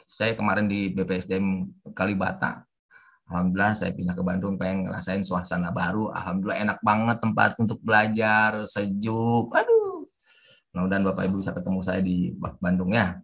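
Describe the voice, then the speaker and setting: Guy teaching over webinar, gravelly and a bit husky, punchy strong intonation. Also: low-pitched, flat delivery, a little fast. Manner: forceful, emphatic intonation; mixes English terms into talk. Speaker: civil service trainer. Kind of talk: webinar lecture. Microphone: online webinar audio.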